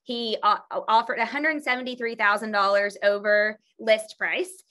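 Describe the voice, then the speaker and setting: A woman's voice: mid-range voice, fairly even intonation, a little slow, pushed and bright. A middle-aged woman, a real estate team leader, sharing earnest stories with colleagues, full of fillers and restarts. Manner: earnest, storytelling with many fillers. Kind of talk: presentation to colleagues.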